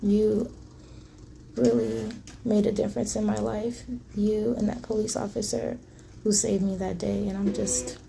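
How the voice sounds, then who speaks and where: A woman's voice: mid-range voice, measured pace, vocal fry, mellow, a little hiss or hum. A woman talking casually and earnestly to her viewers in a personal vlog, in a confiding way. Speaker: vlogger.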